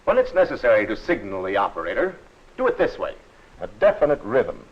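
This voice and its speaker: A man narrating a 1940s instructional film in a friendly, instructive and measured way. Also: lowish voice, sing-song. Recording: dull old film soundtrack.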